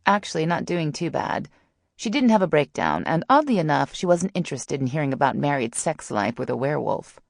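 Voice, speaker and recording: A woman narrator, heavily acting, voices a mischievous, smart-mouthed teenage girl in a storybook romance, using a low, creaky voice. Very animated and fairly quick, she piles on wry teasing and mock-haughty sarcasm, recorded in studio quality with no room sound.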